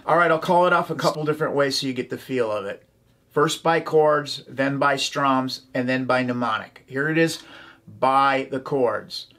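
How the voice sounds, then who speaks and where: A man's voice: mid-range voice, normal speed, a bit bright, faint music behind. A man teaching a ukulele tutorial, calling out chords and strums and chanting rhythm syllables. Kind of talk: instructional tutorial. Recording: ukulele playing behind the voice.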